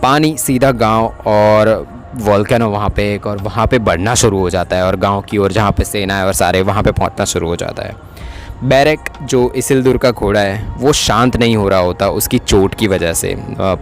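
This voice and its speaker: A man narrating a casual, chatty recap of a TV episode, often tacking on quick tag questions. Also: fairly low pitch. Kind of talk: casual Hindi plot recap.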